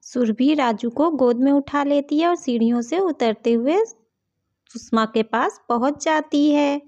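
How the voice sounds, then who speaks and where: A woman's voice: high-pitched, measured pace, darkish tone, muffled recording. A woman narrating a children's doll story and addressing viewers as channel host.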